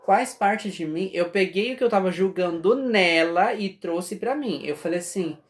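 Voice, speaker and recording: A man's voice: high voice, expressive, moderate pace. A man with a Brazilian Portuguese accent giving a casual spiritual class, talking conversationally and often checking that his listeners follow. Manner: conversational, often asks "entende?". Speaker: spiritual teacher.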